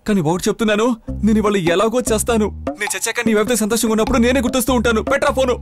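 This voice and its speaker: A man's voice: high-pitched, steady tone, very fast, close to an everyday voice. An actor playing a heartbroken, melodramatic young man who is drunk and self-pitying. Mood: whiny. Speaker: film character. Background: film score music.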